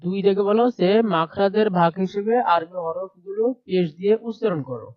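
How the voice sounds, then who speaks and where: A man's voice: high-pitched, steady tone, a little fast, dry recording, dull audio. A man teaching a primary class over a shared screen, explaining step by step and repeating letter sounds aloud. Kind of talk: screen-share textbook lesson.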